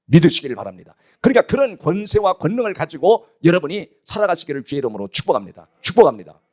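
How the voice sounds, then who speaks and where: A man's voice: a little high, sing-song, fast talker, darkish tone. A male pastor preaching a sermon with emphasis, often putting rhetorical questions to his congregation.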